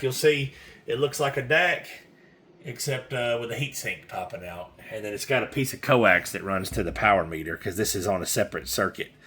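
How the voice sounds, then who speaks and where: A seller talks loosely and rambles through a hands-on demo of used radio gear at an indoor desk with radio equipment. He has a mid-range voice with a sharp tone, and there's faint background noise.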